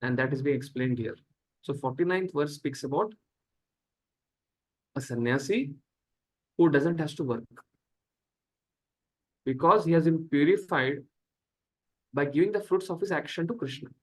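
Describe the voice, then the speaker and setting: A man with an Indian accent giving a scripture lecture as a spiritual teacher, slow and deliberate, halting often between short phrases. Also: on the high side, rough recording. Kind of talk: scripture lecture over online class.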